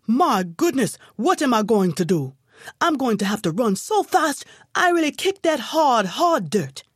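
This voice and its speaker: A woman voicing a boastful male donkey who brags loudly in a raised, high voice. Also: animated, moderate pace, no room sound, clean studio sound. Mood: dismayed. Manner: braying, bragging, raised voice.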